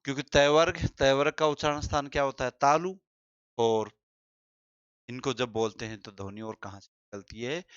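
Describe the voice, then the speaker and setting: In a Hindi grammar lesson, a man with a smooth, mid-range voice repeats key terms and quizzes his listeners. He speaks slowly and deliberately, drawing out his words. The audio is dry and a touch dull.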